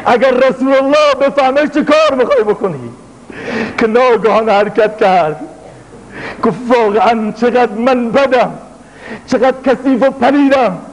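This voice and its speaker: Male preacher, high voice, dramatic storytelling sermon, chanted prayers, long reverb. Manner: storytelling, acting out speakers in the tale.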